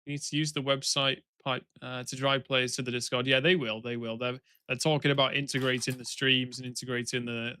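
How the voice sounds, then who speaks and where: Bright-voiced man reading stream chat. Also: mid-range voice, little pitch movement, brisk, few pauses, smooth, dry recording. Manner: reads chat messages aloud, easygoing. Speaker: stream co-host.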